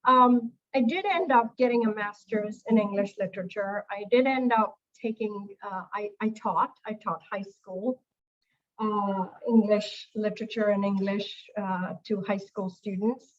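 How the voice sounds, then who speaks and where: A woman's voice: medium pitch, measured pace, muffled recording. A woman from Pakistan, an executive director speaking on a panel in an earnest manner, often restarting her phrases. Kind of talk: panel discussion.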